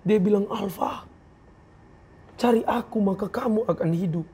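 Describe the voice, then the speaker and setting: A man's voice: sits high, moderate pace, dark tone, slightly rough. A man giving an earnest, emotional personal testimony as an interview guest, acting out the words of others as he tells it. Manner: earnest, emotional, acts out quoted speech.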